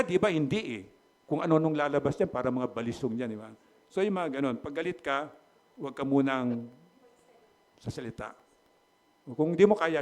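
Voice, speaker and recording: A man's voice: medium pitch, a little mellow. A male pastor, giving a casual, joking sermon that keeps checking in with the congregation, then leading a prayer. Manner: conversational, asks the congregation "di ba?" often; jokes lightly with the congregation.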